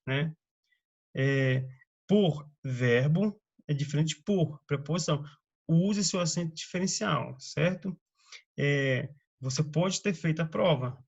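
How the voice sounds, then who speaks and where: A man from Brazil, slowly giving a grammar lesson and reading out word lists with frequent checks on the listener. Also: a little high, gravelly, slightly rough, dull audio. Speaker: teacher. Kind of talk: slow spoken grammar lesson.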